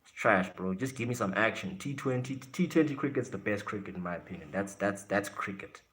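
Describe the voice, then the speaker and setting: A fairly quick-talking South African streamer with a lowish voice hangs out loosely with his audience. His relaxed banter is pointed at the chat, full of swearing, bluntness, and brash shots at commenters.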